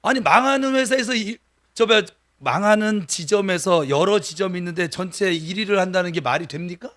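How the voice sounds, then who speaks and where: A man preaching a sermon as pastor, animated and talking straight to the congregation, acting out everyday voices as he goes. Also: high-pitched, brisk. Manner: animated, acts out quoted voices, talks to the congregation directly. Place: church sanctuary.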